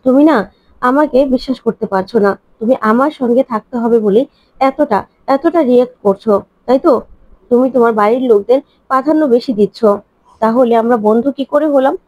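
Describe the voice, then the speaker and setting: A woman on the higher side, in a natural voice, takes on the role of an insistent adult man, wounded and defensive. The dry, dull recording has her rushing through one pleading, reproachful question after another.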